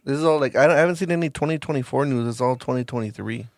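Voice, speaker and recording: A man's voice: medium pitch, rapid-fire, darkish tone, dry recording, clean studio sound. A married man co-hosting a podcast, chatting casually and rambling with many "like"s and restarts. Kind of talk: casual chat.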